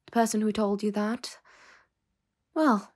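A woman plays a stern mafia boss who is starting to soften in an intimate ASMR roleplay. She speaks in measured phrases with pauses, often nearly whispering, at medium pitch and lightly acted.

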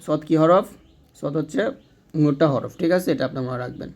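A man's voice: a little high, fairly quick, darkish tone. A man teaching Quran reading step by step, patiently repeating and demonstrating letter sounds. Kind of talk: step-by-step lesson.

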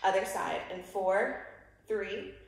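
A woman's voice: mid-range voice, slow, vocal fry, slight background noise. Echoey young woman leading a workout. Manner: clipped counting and cueing while exercising. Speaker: group fitness instructor. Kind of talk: workout instruction with counted cues. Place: large living room, indoors. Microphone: distant camera microphone across the room. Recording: very echoey room, distant camera mic.

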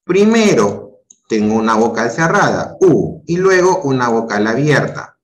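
Slow, lively male teacher on a video call. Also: mid-range voice, echoey room. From Peru. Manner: patient, questioning, repeats words to check answers. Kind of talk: online class explanation.

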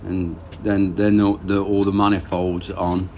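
His voice sits low and moves a little slowly as this boat engine rebuild vlogger, in his thirties, narrates from his garage. He's relaxed and plain-spoken, thinking aloud mid-work, and a little hiss or hum comes through.

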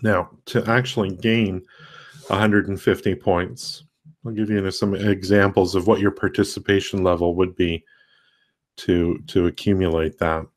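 A man hosting a casual tutorial livestream, talking in a rambling, halting way with many fillers and restarts. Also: deep voice, fairly even intonation. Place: home desk with a laptop.

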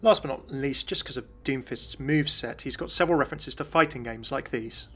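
A man hosts a game lore video, working through voice lines in a chatty, enthusiastic scripted commentary voice-over. His medium-pitched voice is brisk, fairly bright and slightly rough, with soft music in the background.

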